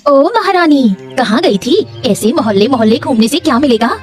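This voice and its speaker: A woman voicing a sharp-tongued, scheming sister-in-law in a cartoon, taunting and scolding. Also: medium pitch, sing-song, brisk, natural voice. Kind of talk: cartoon voice acting. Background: background music.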